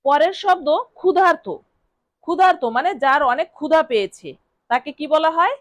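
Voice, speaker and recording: A woman's voice: high voice, fairly quick, a bit bright, dry recording. A woman teaching vocabulary. She repeats each word several times, spells it out letter by letter, and asks questions that she answers herself. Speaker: language teacher. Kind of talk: vocabulary lesson.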